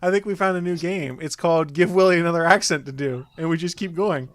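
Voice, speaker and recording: A man's voice: fairly high pitch, fast. A man hosting a casual podcast, teasing his co-hosts, laughing and steering the talk. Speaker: podcast host.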